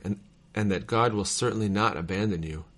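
A man reading old letters aloud in a measured, formal cadence, as a reader of devotional texts. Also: on the low side, fairly bright tone.

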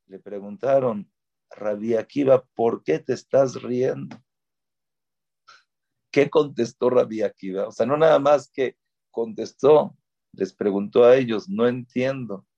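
A man's voice: mid-range voice, dark tone. A man teaching a religious lecture, stressing his points by repeating key words. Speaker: Torah teacher. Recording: dull lo-fi recording.

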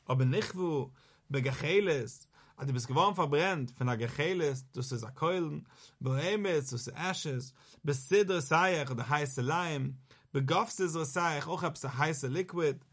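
A man's voice: on the high side, a little slow, fairly bright tone, slightly rough. A man giving a Talmud study lecture, repeating key phrases, posing rhetorical questions and mixing in English words. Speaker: Talmud teacher.

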